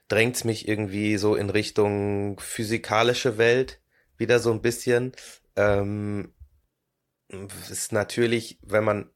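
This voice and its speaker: Male podcast guest, lower voice, hesitant and reflective delivery. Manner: hesitant, many filler sounds, thoughtful. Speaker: guest, 3D illustrator. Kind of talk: casual podcast conversation.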